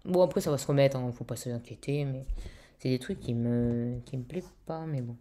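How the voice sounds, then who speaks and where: A woman's voice: extremely low pitch, moderate pace, noisy background. A young woman chatting casually in a vlog, swearing freely and using lots of fillers, her throat still a little weak. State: throat slightly weak after intubation. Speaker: vlogger.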